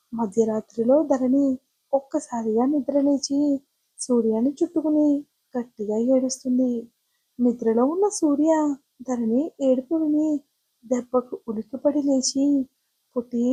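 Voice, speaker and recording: A woman storyteller giving a gentle, expressive scripted narration of an audio love story. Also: sits high, normal speed, pauses often, slightly rough, rough recording.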